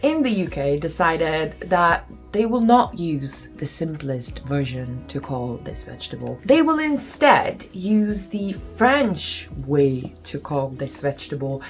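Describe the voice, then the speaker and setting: Speaking slowly in a low, sing-song voice with hardly any pauses, this young Lithuanian vlogger chats to camera at home in her Lithuanian accent. Faint music plays behind her, and she drops lots of ums and exasperated remarks.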